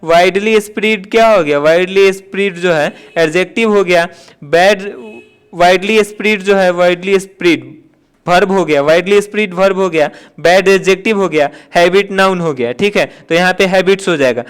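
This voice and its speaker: A man's voice: high-pitched, moderate pace, smooth. A man teaching an exam-prep grammar lesson, explaining step by step, asking and answering his own questions and repeating key points. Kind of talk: classroom-style exam lesson.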